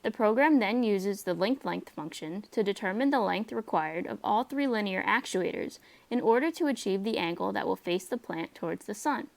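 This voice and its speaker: A woman's voice: medium pitch, animated, moderate pace, vocal fry, few pauses. A young adult woman reading a step-by-step technical script as a student presenter.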